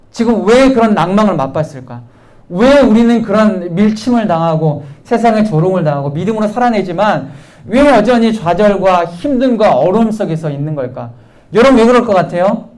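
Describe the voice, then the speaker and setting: A man's voice: high voice, a little mellow. A male pastor preaching a sermon to a youth group, asking rhetorical questions over and over and acting out quoted voices.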